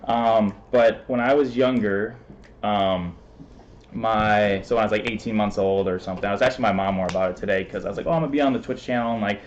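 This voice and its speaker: A man speaking as a guest in a relaxed chat. His voice sits a little low, and his quick, rambling talk is full of fillers and laughs. The sound is dull and lo-fi, like stream audio. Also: slight background noise. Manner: talks fast, laughs often, many fillers. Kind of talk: casual interview.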